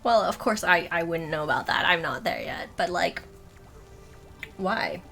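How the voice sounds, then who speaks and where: Chatty twenties woman with vocal fry. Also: lowish voice, animated, a little slow, fairly bright tone, faint music behind. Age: 20s. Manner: chatty, self-mocking, laughs often, swears. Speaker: streamer. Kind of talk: casual chat while gaming.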